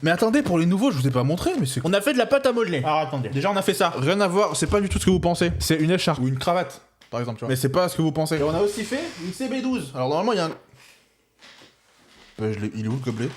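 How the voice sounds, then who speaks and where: Young guy streaming, fast slangy jokey chat with viewers, bouncy voice. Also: fairly high pitch, big pitch swings. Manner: joking, slangy, reacting to chat. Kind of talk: casual live-stream chat.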